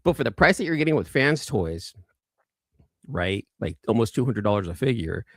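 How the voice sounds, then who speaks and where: A toy collector hosts a casual livestream, reading viewer comments and chatting in a rambling, conversational style with frequent repeated phrases. His lowish voice is sing-song and slightly rough, at a moderate pace, recorded cleanly in a studio with no echo.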